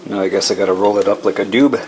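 A man's voice: on the low side, steady tone, quick pace, a little mellow, slight background noise, rough recording. A man in his thirties casually vlogging at home, chatty and a bit grumbly. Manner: laid-back, chatty, mildly grumbling. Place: home kitchen and living room. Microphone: camera mic.

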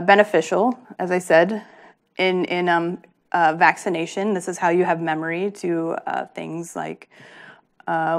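A woman research scientist giving a patient, plain-spoken public lecture, with frequent ums. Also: fairly low pitch.

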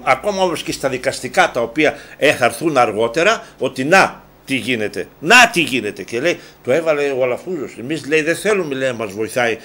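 A man hosting a local TV sports talk show, speaking in a heated, mocking way that rises to loud, indignant outbursts. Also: mid-range voice, expressive, few pauses. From Greece.

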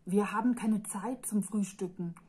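A woman voicing an earnest young boy who talks urgently and turns sharp when defending a friend, in a breathy reading voice. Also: medium pitch, moderate pace, close to an everyday voice. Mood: hurried.

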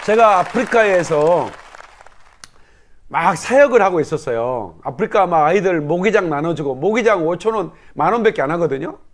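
A middle-aged male pastor preaches in a fairly high voice. He prays with fervent, commanding declarations, then slips into a chatty, conversational way of telling his stories to the congregation. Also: expressive, moderate pace, a faint crowd. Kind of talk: sermon with prayer and personal story.

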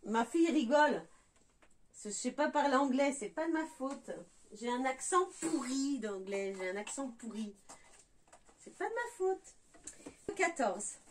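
A woman's voice: sits high, animated, a little slow, slight background noise. A middle-aged woman from France chatting casually as she unboxes beauty products, full of enthusiastic exclamations. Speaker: beauty vlogger.

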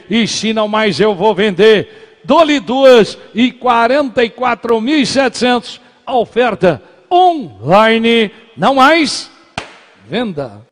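A man calling an auction, repeating the standing bid over and over in a chant. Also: high-pitched. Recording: reverberant hall.

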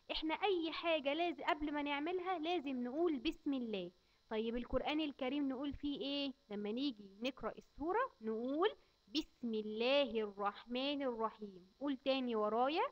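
Egyptian teacher lady, high voice, leading little kids through recitation slow and clear, kinda muffled audio. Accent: Egyptian Arabic. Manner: slow, drawn-out recitation for repeating. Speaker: kindergarten teacher.

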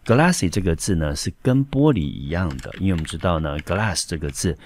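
Low-voiced male teacher explaining vocabulary. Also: very animated, brisk, a little mellow, a little hiss or hum. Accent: Taiwanese Mandarin. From Taiwan. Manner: step-by-step explanations with frequent fillers. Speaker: high school English teacher. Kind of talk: explaining a textbook lesson.

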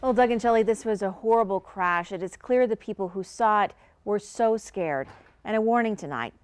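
A woman news anchor giving a serious, steady live report in the studio. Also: medium pitch, normal speed, no echo.

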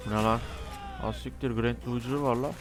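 A man with a Turkish accent commentating on a shooter game, swearing constantly and shouting battle cries at the screen. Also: medium pitch, steady tone, a little fast. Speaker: gameplay commentator. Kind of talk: profane gameplay commentary.

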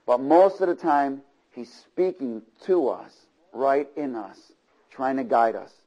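Before a church congregation, a man preaches slowly in a mid-range, dark-toned voice, captured on a muffled recording. His sermon leans on rhythmic repetition, and he frequently asks the crowd to answer back in agreement.

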